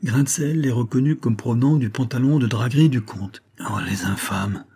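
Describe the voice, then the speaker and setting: A man reading a novel aloud as audiobook narration in a steady, measured way. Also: medium pitch, husky. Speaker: audiobook reader.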